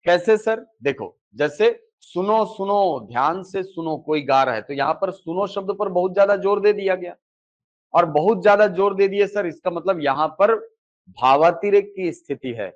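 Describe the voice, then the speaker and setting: A man's voice: sits high, normal speed. A male teacher giving a classroom lecture, asking questions and answering them himself, often checking in with "okay". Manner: repeats key terms with "ठीक है". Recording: dull lo-fi recording.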